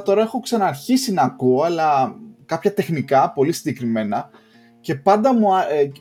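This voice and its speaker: A man's voice: a little high, darkish tone, breathy edge. A man co-hosting a casual podcast, speaking in long, reflective, self-deprecating turns. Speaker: podcast co-host. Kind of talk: casual chat.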